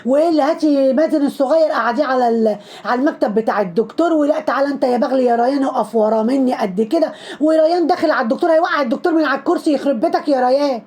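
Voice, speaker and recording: A high-voiced woman with an Egyptian accent tears through her lines at breakneck speed. Her tone is dark and mellow, yet every line scolds and mocks. She hammers each jab home with repetition in a sarcastic commentary style. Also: racing. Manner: scolding, mocking, heavy repetition. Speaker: social media commentator. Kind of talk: sarcastic commentary on trending videos.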